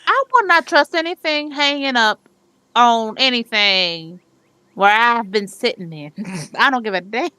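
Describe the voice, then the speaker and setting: A woman's voice: on the high side, lively intonation, pushed and bright, smooth, no echo. Laughing woman player, dry close sound. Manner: laughs often, quick reactions. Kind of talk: casual tabletop role-play.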